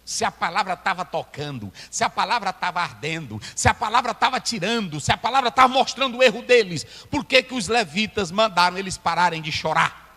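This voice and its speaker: A man preaching a sermon as a pastor, breaking into loud shouted climaxes. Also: high-pitched, lively intonation, brisk. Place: church hall. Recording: echoey church hall, long reverb.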